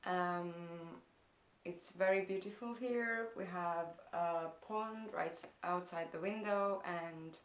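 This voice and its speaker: A young Estonian woman with a fairly low voice and an Estonian accent answers viewer questions casually in her first vlog, filmed indoors at her parents' house in a roomy-sounding space. She speaks slowly and thoughtfully, hesitating often with lots of "um"s.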